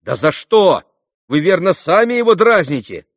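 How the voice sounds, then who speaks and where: A man's voice: mid-range voice, fairly quick, no room sound, studio quality, natural voice. A man reading an audiobook and voicing an earnest young man who reasons with a group of boys. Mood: alarmed. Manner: earnest, pleading.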